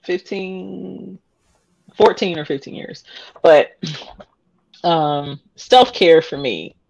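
A woman's voice: fairly low pitch, takes it slowly, gravelly, darkish tone, no echo, low-quality recording. A woman in her thirties, a podcast guest telling her story candidly, rambling with many fillers and restarts and laughing often. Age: 30s.

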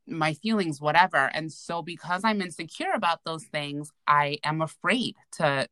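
A woman co-hosts a casual podcast chat and tells her stories in a loose, rambling way full of little fillers. Her voice sits low but sounds bright and forward. The recording is dry and close. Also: expressive, normal speed, dry recording. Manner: chatty, rambling storyteller with many fillers. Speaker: podcast co-host.

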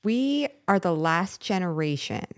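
A woman's voice: lowish voice, big pitch swings, unhurried. A woman around forty co-hosting a casual chat, playful and teasing. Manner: playful, laughs and teases. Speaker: podcast co-host.

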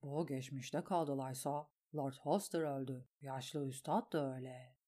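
A woman voicing a calm, scheming lord who speaks in a low, soothing, measured way in a storybook reading. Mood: smooth. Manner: soothing, measured, quietly manipulative.

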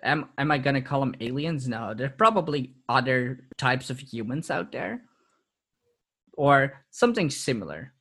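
A man's voice: mid-range voice, expressive, normal speed, a bit bright. A man talking as a podcast guest in casual interview chat, reflective, laughing often and repeating words as he restarts.

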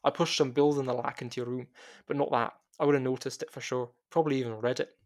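A man voicing a loud, cheerful Scottish woman who runs a bookshop, speaking in a booming, boisterous way. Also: steady tone, fast talker, close to an everyday voice. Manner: bellowing, boisterous.

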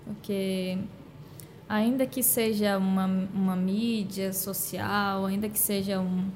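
A woman's voice: medium pitch, fairly even intonation, slow, a little mellow, a little hiss or hum. A woman on a talk show panel, earnest and emphatic as she explains.

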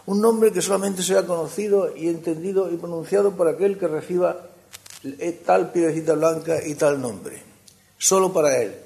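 A man preaching a sermon. He swings between emphatic rises and hushed, soft passages. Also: on the high side, normal speed, creaky.

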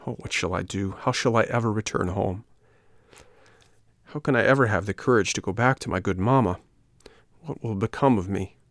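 A man's voice: fairly low pitch, moderate pace, no room sound, studio quality, close to an everyday voice. A man voicing a frightened, tearful wooden puppet boy who pleads breathlessly in a storybook reading. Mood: despairing.

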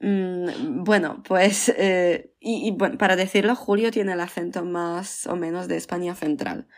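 Woman podcast host, lowish voice, friendly and hesitant questions. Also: a little slow, darkish tone. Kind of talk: casual interview chat.

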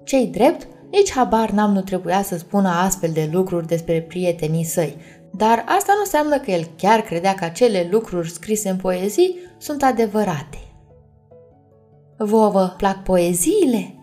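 A woman reading a bedtime story aloud, gently addressing children. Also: mid-range voice, lively intonation, soft background music.

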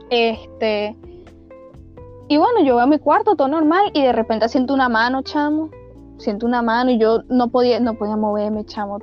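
Animated young Venezuelan woman telling a ghost story. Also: fairly high pitch. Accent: Venezuelan Spanish. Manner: animated, slangy, frequent fillers and restarts. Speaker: podcast storyteller. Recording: dull lo-fi recording with faint music.

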